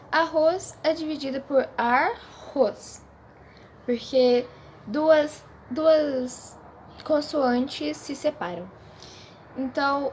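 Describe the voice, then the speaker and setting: A woman giving a homemade video lesson, slow and deliberate, repeating example words syllable by syllable. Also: high-pitched, a little hiss or hum. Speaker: student presenting a class assignment.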